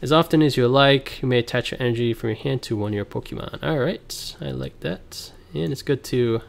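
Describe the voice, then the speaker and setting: A man of ordinary middle pitch mutters his way through a card game on stream, reading cards aloud and greeting viewers between moves. The sound is plain livestream headset audio, close and direct. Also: brisk, creaky, slight background noise. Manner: thinks aloud, reads card text, chats with viewers. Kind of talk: casual gameplay commentary. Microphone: livestream headset mic.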